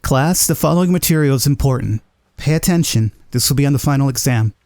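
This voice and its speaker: A man's voice: mid-range voice, fast, a little mellow, no echo, pitched above the performer's own voice, natural voice. A man voicing a dry, stern male teacher who lectures a class like a bored lecturer, reading game dialogue. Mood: dry, instructive.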